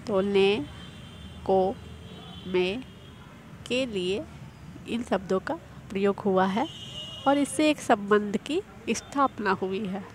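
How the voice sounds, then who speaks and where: A woman teaching an exam-prep grammar lesson, explaining slowly and repeating each example. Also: medium pitch, a little hiss or hum.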